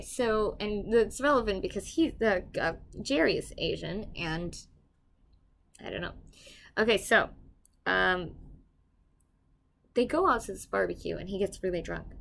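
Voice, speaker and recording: Animated young woman telling a story. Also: mid-range voice, gravelly, a little hiss or hum. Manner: animated, swings loud and quiet, swears casually. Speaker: property manager telling a story. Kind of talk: casual storytime vlog.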